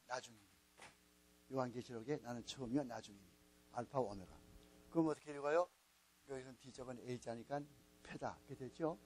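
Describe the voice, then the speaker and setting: A man's voice: medium pitch, darkish tone, a little hiss or hum, low-quality recording. A man lecturing a class as a Bible teacher, patiently spelling things out and repeating key words. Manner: repetitive, coaxing teacher spelling out letters. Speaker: Bible teacher at a missionary training school.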